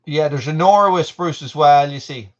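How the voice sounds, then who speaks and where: A man's voice: on the high side, moderate pace, highs cut off. An Irish man in his forties hosting a casual live stream, rambling along with lots of fillers and restarts. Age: 40s. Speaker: channel host.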